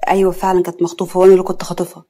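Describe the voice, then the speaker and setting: A woman's voice: on the low side, completely flat delivery, rapid-fire, dark tone, lightly acted. A woman storyteller voicing a stubborn, devoted young man with an Egyptian accent, talking earnestly and insistently. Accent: Egyptian Arabic.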